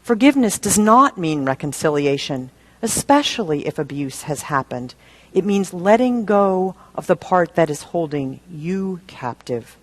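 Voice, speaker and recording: A woman minister preaches a sermon in a lowish voice, measured and deliberate. She uses rhetorical questions and repetition for emphasis.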